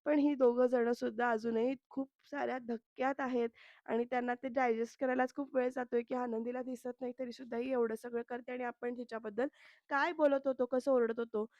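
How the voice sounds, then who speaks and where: A woman's voice: a little high, level tone, fairly quick, darkish tone, no echo, highs cut off. A woman giving a voice-over recap of a TV serial episode, telling the story and speaking straight to her viewers. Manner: addresses the viewers directly, storytelling. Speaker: TV serial reviewer.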